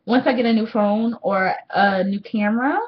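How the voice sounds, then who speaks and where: An eighteen-year-old woman rambles candidly into a webcam at home, swearing freely as she chats. Her voice sits at a middling pitch. The webcam sound is a little dull and muffled. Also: normal speed. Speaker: vlogger. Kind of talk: casual diary vlog to camera. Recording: slightly dull webcam audio.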